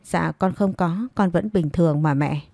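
A woman voicing a frightened young pregnant daughter who pleads softly and slowly with her mother. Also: on the low side, creaky, no room sound. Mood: pleading. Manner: soft, slow, tearful pleading.

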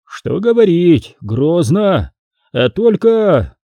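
A man voicing a calm, shrewd old male churchman who speaks with mild mockery in a storybook reading. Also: high voice, extremely slow, dry recording, lo-fi sound, voice pushed up, exaggerated voice. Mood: calm mocking. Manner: calm, mildly mocking.

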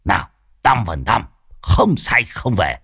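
A man voicing a tipsy old ghost-hunting master who grumbles in a low, mumbling way. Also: very animated, takes it slowly, gravelly, fairly bright tone, breathy edge, no echo, studio quality, full character voice. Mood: gruff tipsy.

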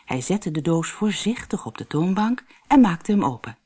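Husky woman reading a children's story. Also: fairly low pitch, normal speed. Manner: lively, expressive storytelling. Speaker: narrator.

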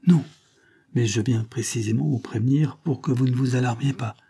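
A man voicing a scheming con man who speaks with smooth, theatrical, falsely consoling concern. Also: medium pitch, normal speed, dark tone.

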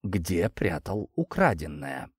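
A man's voice: deep voice, big pitch swings, husky, dry recording, clean studio sound, pitched below the performer's own voice, heavily acted. A man doing a grim, menacing servant. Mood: softly menacing. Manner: slow, quietly menacing. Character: grim male servant, calm then barking.

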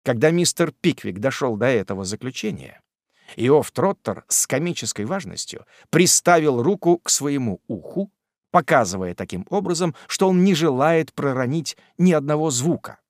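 A man narrating a classic novel in an expressive, theatrical reading. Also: medium pitch, moderate pace, no echo, clean studio sound. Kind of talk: scripted audiobook narration.

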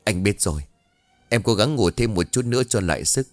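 A man's voice: on the low side, lively intonation, brisk, no room sound, soft background music, natural voice. A man voicing a worried middle-aged husband who speaks earnestly, soothing his wife and asking after his missing daughter.

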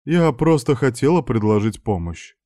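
A man's voice: mid-range voice, sing-song, moderate pace, warm tone, no room sound, studio quality, voice pushed up, natural voice. A man voicing a bossy, teasing young woman student in a read-aloud story, with a pushy, mocking manner.

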